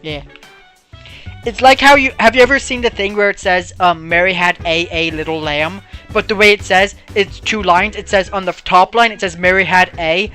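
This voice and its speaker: A man's voice: high-pitched, sharp tone. A man hosting a let's play from his bedroom, chatting casually and rambling with frequent swearing. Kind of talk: casual gameplay chat. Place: own bedroom.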